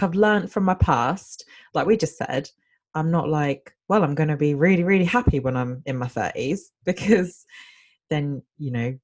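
A woman in her late twenties chatting casually, enthusiastic and rambling, with frequent giggles. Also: low-pitched. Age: late 20s. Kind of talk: casual chat.

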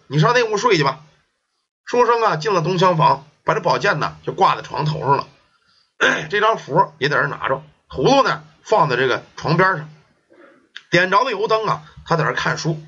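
A man telling a folk ghost story in a lively, colloquial storytelling manner. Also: sits high, breathy edge. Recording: dull lo-fi recording.

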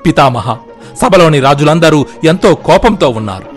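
A man's voice: fairly high pitch, expressive, normal speed, soft background music, natural voice. A man voicing a troubled, righteous king making a worried, respectful appeal.

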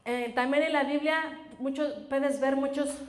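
A woman with a high voice gives a Bible teaching talk at an unhurried pace. She often poses questions and answers them herself, dropping in "ajá" again and again. The recording is roomy and echoey. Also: steady tone. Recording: roomy echo.

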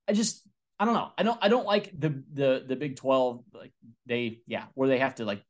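Speaking at a medium pitch and moderate pace, this young co-host of a college football podcast keeps things loose. He's animated, often restarting sentences and filling pauses as he chats about sports.

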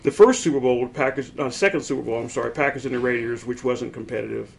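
A man's voice: medium pitch, quick pace, gravelly, slight background noise. A man co-hosting a casual sports podcast, joking and laughing often, rambling as he recalls old games. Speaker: podcast co-host.

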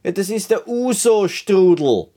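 A man's voice: sits high, expressive, unhurried, warm tone, voice pushed up. A man voicing a cheerful male sound engineer from Vienna. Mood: cheery.

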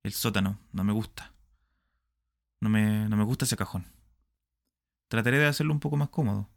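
A sulky mechanical double of a man in a storybook, aggrieved and complaining, with a low, gravelly voice, as a man acts him out. He whines about his lot in a slightly raised tone. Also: normal speed. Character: a resentful male puppet double, sensitive and sulky.

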